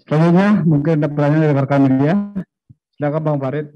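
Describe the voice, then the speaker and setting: A man's voice: fairly high pitch, steady tone, fast, faint music behind. A man moderating a football press conference, politely introducing speakers and reading out reporters' questions. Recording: dull lo-fi sound.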